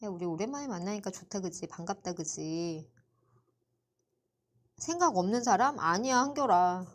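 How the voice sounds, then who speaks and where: A woman's voice: mid-range voice, expressive, moderate pace. A woman tutoring Korean literature in a live online class, chatty and teasing, quizzing her students by name. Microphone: computer mic for a livestream.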